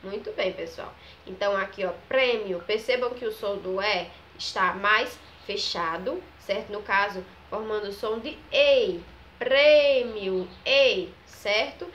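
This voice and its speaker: A woman, teaching a children's grammar lesson. She talks slowly, stretches out each example word, and keeps checking in with the class. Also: medium pitch, fairly bright tone, slight background noise. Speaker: primary school teacher.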